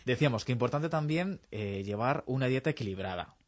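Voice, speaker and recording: A man co-hosts a radio show, speaking quickly and dropping jokey comparisons into the chat. He sounds close to a studio mic. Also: mid-range voice, animated, a crowd in the background. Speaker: radio co-host.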